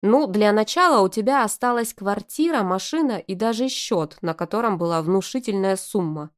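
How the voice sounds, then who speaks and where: A woman's voice: mid-range voice, expressive, normal speed, natural voice. A woman reading the lines of a stern, angry young father who speaks in cold, clipped growls. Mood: cold anger.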